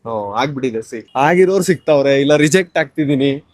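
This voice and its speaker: Out on a shopping street, a vlogger doing a street challenge talks to his camera and politely approaches passersby in a casual style. His medium-pitched voice is animated and fairly quick, in a dry recording.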